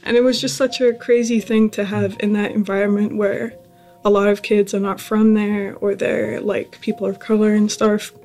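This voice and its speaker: A woman's voice: medium pitch, flat delivery, moderate pace, mellow, soft background music. A young woman from the UK, a student, talking casually in an interview and often saying "like". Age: young adult. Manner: casual, with fillers like "like".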